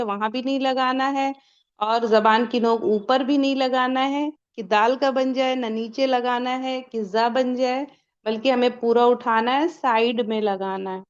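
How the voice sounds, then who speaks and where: A woman's voice: on the high side, lo-fi sound. A woman teaching a Quran pronunciation lesson step by step, asking and answering her own questions and stretching out sample sounds.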